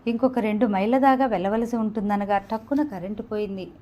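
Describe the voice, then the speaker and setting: A woman narrating an audio novel in an even storytelling delivery. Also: medium pitch, a little fast. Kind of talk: scripted narration.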